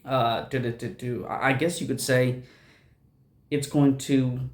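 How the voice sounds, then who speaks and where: A man hosts casual gameplay commentary, stammering and repeating words and humming little tunes. He laughs easily and talks at a middling pitch. His voice has a roomy echo around it. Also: measured pace. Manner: laughs often, excitable. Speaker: gaming channel host.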